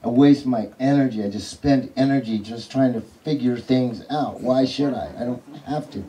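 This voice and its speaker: Man, 50s, rambling heartfelt message, middle pitch, faint background noise. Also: moderate pace, poor audio. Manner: warm and rambling, with repeated words.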